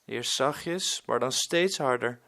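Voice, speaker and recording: A man reading a children's story aloud in an expressive storytelling manner. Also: medium pitch, slow pace.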